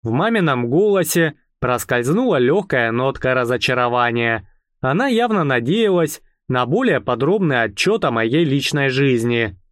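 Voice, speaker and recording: A man narrating a first-person audiobook in a calm, wry, even manner. His voice sits in a middle register. The studio recording is close and dry. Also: medium pitch, normal speed, dry recording.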